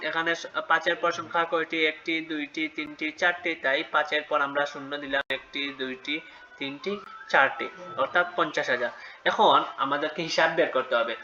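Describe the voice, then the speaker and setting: Male tutor, patient question-and-answer teaching, bright tone, faint background hum. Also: fairly high pitch, dull audio. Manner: patient, asks questions and answers them himself. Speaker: math teacher. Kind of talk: step-by-step math lesson for children.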